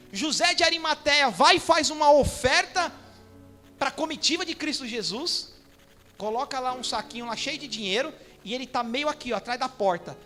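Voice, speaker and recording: A man's voice: very high-pitched, pushed and bright. A man with a Brazilian Portuguese accent preaching a Sunday sermon in church. He talks in a casual, slangy way and banters with the congregation. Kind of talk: informal live sermon. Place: church during a Sunday service.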